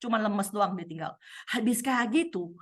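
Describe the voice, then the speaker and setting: A woman's voice: medium pitch, normal speed. A woman pastor preaching a sermon, telling a personal story with acted-out quotes and frequent laughter. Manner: lively storyteller acting out voices and quotes, laughing often.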